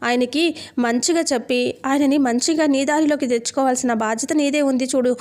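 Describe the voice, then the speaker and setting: A woman voicing a concerned elder sister who questions and scolds in a firm way. Her voice is high and even. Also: a little fast, lightly acted. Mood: probing.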